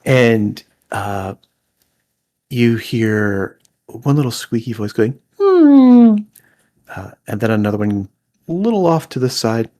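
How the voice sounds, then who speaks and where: A man narrating as game master for an online tabletop game, with a halting delivery full of fillers. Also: fairly low pitch, fairly even intonation, a little mellow.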